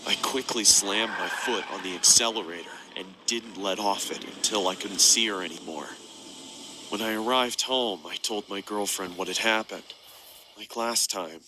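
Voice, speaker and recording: A bright, cutting male voice tells a scripted animated story in a flat, even way. He sits a bit low in pitch, with faint noise under the track. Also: low-quality recording.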